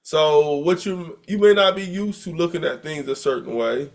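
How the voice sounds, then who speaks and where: A man's voice: a little high, normal speed. Conversational male professor lecturing. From United States. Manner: conversational, repeats words while thinking. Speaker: university professor. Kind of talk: recorded lecture.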